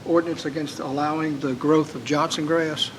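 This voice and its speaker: A man's voice: on the high side, little pitch movement, moderate pace, noisy background. A man, a county supervisor pressing his point at a public meeting in an earnest, folksy way.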